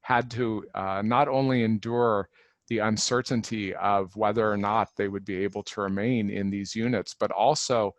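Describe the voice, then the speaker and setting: A man, an attorney, gives measured press-conference remarks, pausing on frequent fillers. His voice sits fairly low and sounds dry and close. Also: steady tone, dry recording.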